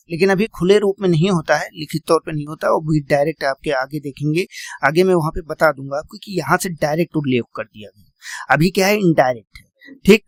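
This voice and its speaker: A male teacher lectures with a raspy, gravelly edge to a somewhat high voice. He drills his students by asking questions and then answering them himself, calling them "beta". The sound is dry and close, with no room around it. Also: dry recording. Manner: repeats key points and quizzes students. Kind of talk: classroom lecture.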